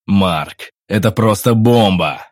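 A man's voice: fairly low pitch, lively intonation, moderate pace, dry recording, clean studio sound. A man voicing an eager adventurer. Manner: enthusiastic, pleading. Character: eager adult male adventurer-trader. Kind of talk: audiobook reading.

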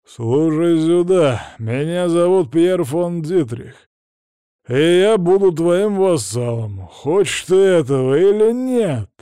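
A hoarse, slurring drunk street boss, put on by a male narrator, loud and pushy in a raised, mellow-toned voice. He drags his words out slowly and sounds slightly distant in a dry audiobook recording. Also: fairly high pitch, very animated, dry recording, voice pushed up. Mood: drunk, blustering. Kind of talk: audiobook character voice.

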